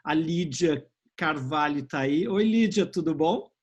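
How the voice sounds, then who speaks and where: A man's voice: fairly high pitch, animated, a little slow, breathy edge. A man moderating an online Q&A, introducing the guest informally with fillers. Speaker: event moderator. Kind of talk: casual moderating on a call.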